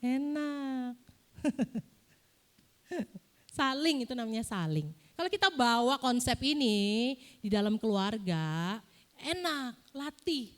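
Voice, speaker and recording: A young woman preaches in a casual, lively way, turning to the congregation with questions. Her voice sits fairly high. She sounds like she is talking in a church. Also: takes it slowly. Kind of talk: casual sermon.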